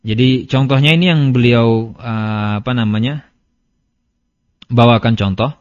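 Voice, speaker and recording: A man's voice: mid-range voice, steady tone, a little slow, no echo. A man, a religious teacher, giving a casual lesson in a chatty, storytelling way and reading out Arabic passages. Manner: conversational, storytelling with everyday examples; reads Arabic text aloud. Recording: dull, dry lo-fi lecture recording.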